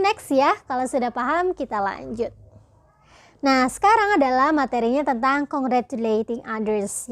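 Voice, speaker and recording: A woman's voice: high voice, no room sound. Chatty Indonesian woman teaching English. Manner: chatty, switches between casual explanation and slow drilled example sentences. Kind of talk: online lesson explaining grammar.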